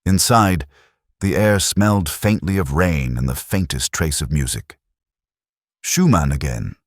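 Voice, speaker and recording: In a dry, clean studio recording, a man with a low, gravelly, husky voice narrates a first-person detective story. His delivery is measured, solemn and literary.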